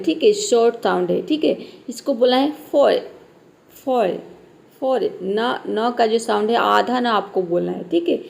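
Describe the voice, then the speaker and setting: A woman's voice: fairly high pitch, gravelly, darkish tone. A young woman, an English teacher, explaining spelling and pronunciation rules to viewers, patiently repeating example words. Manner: patient, repeats words slowly, says "theek hai" often.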